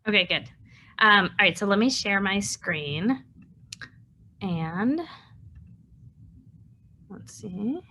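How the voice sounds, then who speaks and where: A woman from Chicago speaks over a video call, her voice bright and forward. She talks in a loose, informal way and often stops to correct herself. It sounds like a computer mic in her own room. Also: medium pitch, expressive, slow, long pauses, slight background noise. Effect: heard over a video call. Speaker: guest speaker, physician. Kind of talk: casual online presentation.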